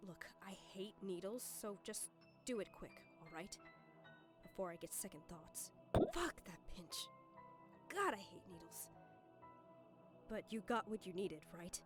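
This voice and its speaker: A woman's voice: medium pitch, lively intonation, unhurried, long pauses, over loud music, lightly acted. Woman acting a wary, blunt game survivor. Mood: wary, nervous.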